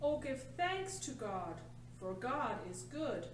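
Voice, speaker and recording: Distant woman reading a slow refrain. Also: sits high, big pitch swings. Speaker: reader of a refrain. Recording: distant, echoey, with a clear hum.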